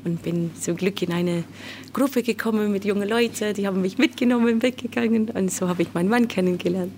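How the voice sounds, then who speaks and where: A woman's voice: mid-range voice, a little fast, darkish tone, slight background noise. A woman in her forties from England, a native English speaker, talking casually in German and laughing often as she is interviewed. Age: 40s.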